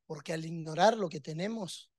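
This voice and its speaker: A man's voice: fairly high pitch, moderate pace, a little mellow, dry recording, studio quality. A man preaching a sermon, emphatic and rhetorical, with touches of humor.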